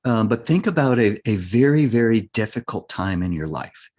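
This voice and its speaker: A man's voice: lowish voice, expressive, normal speed, a little mellow. A man speaking as an interview guest, a life and business coach, explaining his ideas earnestly and often checking in with "right?". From United States.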